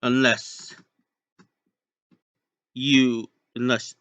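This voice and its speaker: A man voicing a stubborn pirate captain in a loud, firm voice. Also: mid-range voice, level tone, extremely slow, no echo, muffled recording. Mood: stern.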